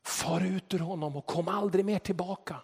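Man doing jesus, calm firm teacher voice, higher pitch, big hall reverb. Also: creaky, husky, heavily acted.

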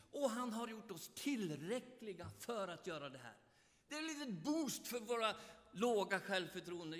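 Animated male preacher in a reverberant hall. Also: extremely high pitch. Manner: animated and emphatic, swinging between loud outbursts and quiet asides. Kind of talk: sermon.

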